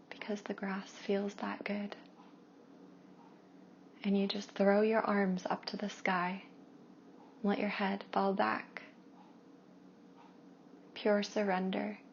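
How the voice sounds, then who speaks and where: Her voice medium-pitched and gravelly, a meditation guide and Reiki practitioner leads a guided meditation slowly and quietly. She draws out soothing phrases with long pauses between them, on a dull lo-fi recording carrying faint background noise.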